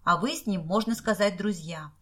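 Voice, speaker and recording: A woman's voice: mid-range voice, moderate pace, fairly bright tone, close to an everyday voice. A woman reading the part of an earnest, modest young male student in a storybook.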